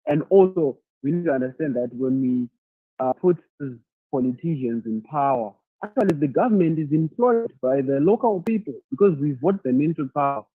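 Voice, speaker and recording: A man from Zimbabwe answering questions in an online masterclass, thoughtful and halting, often repeating words as he searches for them. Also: a little high, animated, no echo. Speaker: leadership speaker answering questions. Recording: tinny phone-like audio.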